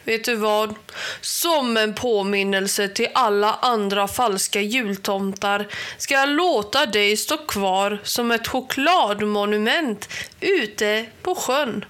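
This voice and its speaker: A woman reading a storybook aloud, voicing a loud, taunting villainous male Christmas gnome chief. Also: medium pitch, close to an everyday voice. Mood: gloating.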